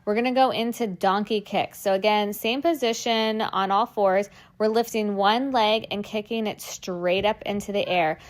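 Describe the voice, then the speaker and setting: A woman's voice: mid-range voice, fairly even intonation, moderate pace, hardly any pauses. Encouraging woman coaching a workout. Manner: encouraging, cueing moves while exercising. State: strained, working out while talking. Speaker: fitness instructor. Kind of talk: workout class instruction.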